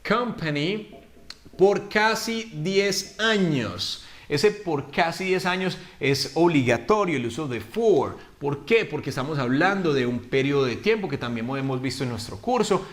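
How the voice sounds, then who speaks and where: Man, slightly high voice, online English lesson, asks and answers his own questions, slow drawn-out examples. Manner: lively, swings between Spanish explanations and slow, drawn-out English examples; asks the viewers questions and answers them himself. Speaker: English teacher.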